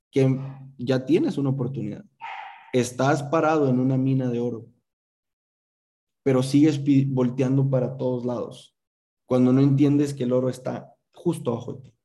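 A man's voice: medium pitch, normal speed, long pauses, warm tone. A man giving a motivational speech to his sales team on a group call, emphatic and full of rhetorical questions, with some swearing.

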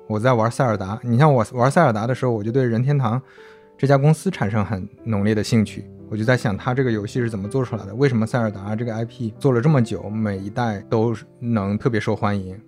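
A man in his thirties, a podcast guest, talking through his thoughts in a relaxed, reflective way with small restarts. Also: fairly low pitch. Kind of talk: casual podcast chat.

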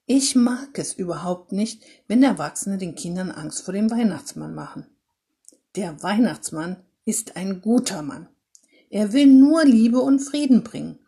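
A woman's voice: mid-range voice, expressive, unhurried, creaky, dark tone, breathy edge, full character voice. A woman voicing a stern but kind old Santa Claus in a read-aloud story, speaking firmly and scolding. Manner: firm, scolding.

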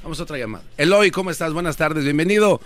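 A man's voice: a little high, animated, rapid-fire, soft background music, lightly acted. A man playing a pompous, preachy radio guru who cuts callers off in a comedy sketch. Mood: dismissive. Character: pompous self-styled male radio guru, preachy and dismissive. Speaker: radio host.

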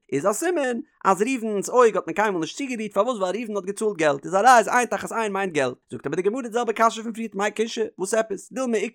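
A man's voice: high voice, a bit bright, dry recording, studio quality. A man with a Yiddish accent teaching a Talmud lesson in a singsong study chant.

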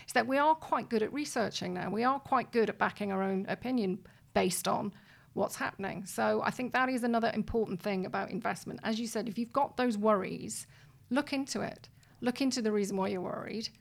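A woman's voice: medium pitch, brisk, gravelly. A woman hosting a conversational interview in an emphatic, encouraging way. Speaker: podcast host.

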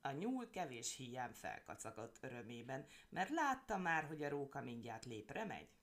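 A woman reading a children's story aloud in a playful, expressive way. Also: rumbling low.

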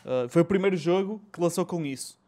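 A man's voice: on the high side, fast talker, warm tone. A man with a European Portuguese accent hosting a casual chat, slangy and mixing in bits of English. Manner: colloquial, slangy, swears and mixes in English. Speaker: host. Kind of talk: casual chat about retro gaming.

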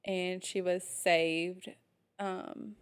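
A woman co-hosting a podcast, recapping episodes in casual chat with steady fillers. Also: on the low side, extremely slow, clean tone. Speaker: podcast co-host.

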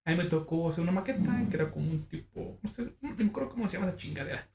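High-voiced young Mexican guy joking. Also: very fast, creaky, muffled recording. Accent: Mexican Spanish. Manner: slangy, joking, animated. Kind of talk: casual storytelling chat. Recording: echoey room, faint background hum.

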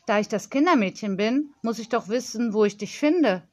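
A woman voicing a kind, soft-spoken adult nanny in an audiobook reading. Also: fairly high pitch, lively intonation, normal speed, dry recording. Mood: gentle.

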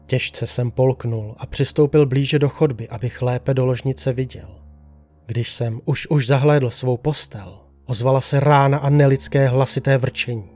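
A man reading a first-person horror story aloud in a slow, hushed, suspenseful way. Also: mid-range voice, fairly even intonation, soft background music. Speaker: narrator. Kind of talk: scripted horror story narration.

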